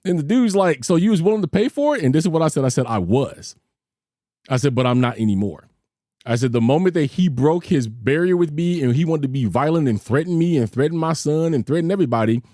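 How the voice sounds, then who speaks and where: Animated middle-aged man telling a story. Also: fairly high pitch, no echo, clean studio sound. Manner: animated, acts out quoted voices; emphatic, blunt, colloquial. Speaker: podcast host. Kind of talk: personal storytelling monologue.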